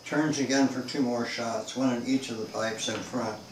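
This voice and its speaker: A man's voice: medium pitch, steady tone, normal speed. Man reading his novel, echoey and distant. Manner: dramatic, shifting pace. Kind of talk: dramatic book reading. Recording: echoey room, mic far off, faint hiss.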